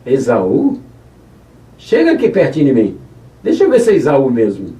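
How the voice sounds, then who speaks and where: A man's voice: mid-range voice, huge pitch swings, normal speed, mellow, reverberant. A man voicing an old, blind father who questions his son suspiciously, with a Brazilian Portuguese accent, recorded from a distant mic. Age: older.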